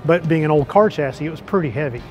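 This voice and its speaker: A middle-aged museum manager explaining an old car, knowledgeable and matter-of-fact, in a large museum hall on a lapel mic. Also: male voice, fairly high pitch, fast, a little mellow, lo-fi sound, soft background music. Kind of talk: explaining to an interviewer.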